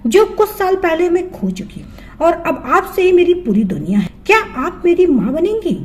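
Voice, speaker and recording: A woman's voice: extremely high pitch, very animated, moderate pace, darkish tone, voice pushed up. A woman voicing a cheerful, loving young daughter-in-law in a storybook tale, speaking in a playful, affectionate way.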